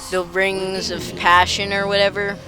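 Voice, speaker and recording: A man's voice: high-pitched, completely flat delivery, a little slow, music in the background. A young man hosting a let's play, rambling and stammering through casual commentary and poking fun at himself. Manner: rambling, stammering, self-mocking.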